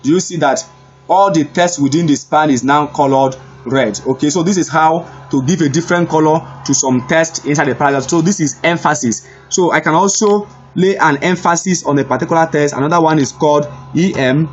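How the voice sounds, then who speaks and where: A man giving a screen-recorded web development lesson, unhurried and repetitive, thinking aloud as he types. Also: on the high side, dull audio, faint music behind. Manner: unhurried, repeats himself, thinks aloud while typing. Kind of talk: screen-recorded coding tutorial.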